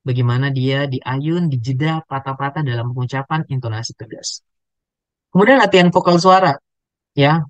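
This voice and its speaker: Male public speaking trainer on a webinar, animated delivery, close dry sound. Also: medium pitch, moderate pace, no room sound, dull audio. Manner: animated, demonstrates intonation with drills. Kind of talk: webinar lesson.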